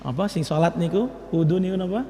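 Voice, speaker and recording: A man with a Central Javanese accent giving a lively Ramadan study lecture as an Islamic teacher, asking his listeners questions and slipping into Javanese. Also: high-pitched, fast. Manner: lively, asks the audience questions, switches into Javanese. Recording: echoey hall with long reverb.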